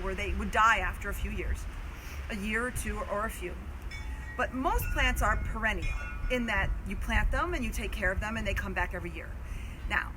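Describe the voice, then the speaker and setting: A woman hosting an informal live gardening explainer outdoors, explaining in a halting, stop-and-start way. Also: medium pitch. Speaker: host of community garden live video. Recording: outdoor live video, clear ambient noise.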